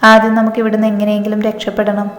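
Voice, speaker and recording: A woman voicing a remorseful young woman held captive, speaking softly and apologetically. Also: medium pitch, completely flat delivery, very fast, close to an everyday voice. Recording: echoey reverb with background music.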